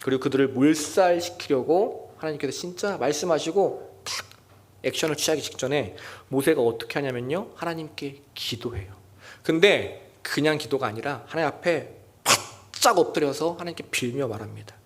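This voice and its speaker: A young adult man preaching a sermon as junior pastor at a church prayer meeting, acting out quoted lines in a loud raised voice. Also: on the high side, moderate pace.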